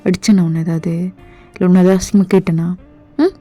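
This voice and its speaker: A woman's voice: lowish voice, fairly even intonation, a little fast, mellow, faint music behind, lightly acted. A woman voicing an irritated young boyfriend in a fan voice drama, with a curt, harsh, dismissive manner.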